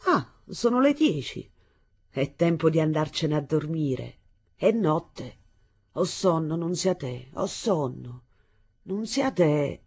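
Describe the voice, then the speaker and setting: A woman reading aloud voices a brash young husband who mocks and threatens his bride in loud bursts. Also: sits low, sing-song, takes it slowly, breathy edge, heavily acted. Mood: sleepy. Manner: mocking, menacing, loud bursts.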